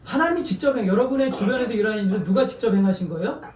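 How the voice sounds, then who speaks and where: Man, pastor, high voice, sermon, quizzes the congregation, echoey church, mic set back. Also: animated, very fast, a little mellow, recorded from a distance, slight background noise. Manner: asks the congregation questions and has them repeat words. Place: church sanctuary.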